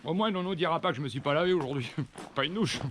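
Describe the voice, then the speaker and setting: A man's voice: on the high side, animated, fast, fairly bright tone, slight background noise. A man from France removing wasp and hornet nests outdoors, chatting casually and joking as he works, talking to the insects and the camera. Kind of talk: casual running commentary while working. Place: outdoors at a house.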